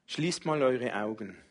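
A man preaching a sermon as pastor, speaking slowly and gently and inviting the congregation to worship. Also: medium pitch. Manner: slow, gentle, speaks softly in personal address.

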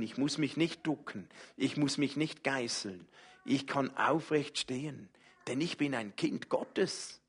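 A man preaching a sermon as pastor, speaking slowly and gently and inviting the congregation to worship. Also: medium pitch, vocal fry, breathy edge. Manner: slow, gentle, speaks softly in personal address.

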